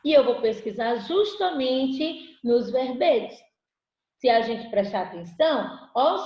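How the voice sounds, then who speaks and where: A Brazilian Portuguese-speaking woman teaching an online lesson, patiently asking the class questions and answering them herself. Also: a little high. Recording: echoey room, dull lo-fi audio.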